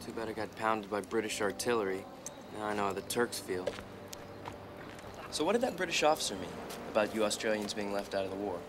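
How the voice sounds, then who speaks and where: A young actor with an American accent playing an earnest officer who tries to keep the peace. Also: male voice, on the low side, fairly quick, background noise, close to an everyday voice. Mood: peacemaking. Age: young adult.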